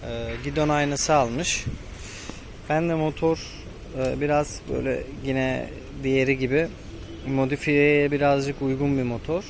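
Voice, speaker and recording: A man's voice: mid-range voice, fairly even intonation, a little slow, vocal fry, a little hiss or hum. A man giving a casual, unscripted motorcycle review from inside a helmet, explaining things a little hesitantly. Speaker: motovlogger reviewing his motorcycle.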